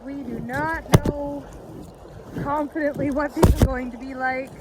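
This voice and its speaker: A woman narrating a vlog outdoors in a playful, drawn-out way, over loud wind and water. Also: high-pitched, fairly even intonation.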